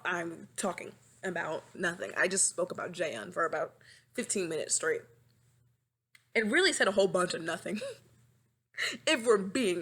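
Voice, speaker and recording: A woman's voice: on the low side, a bit bright, breathy edge. Young woman, podcast host, rambling, dramatic, self-mocking, webcam mic at home. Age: 20s. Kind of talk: casual chat. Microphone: webcam microphone.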